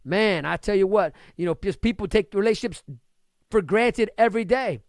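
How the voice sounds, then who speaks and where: A man's voice: high-pitched, normal speed, no echo, studio quality. A man hosting a podcast, giving an emphatic, preachy motivational talk straight to his listeners. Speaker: podcast host.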